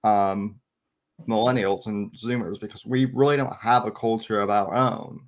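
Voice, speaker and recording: Guy in his 20s rambling on a panel, kinda low voice. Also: steady tone, moderate pace. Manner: earnest, rambling. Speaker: panel guest. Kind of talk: casual panel chat.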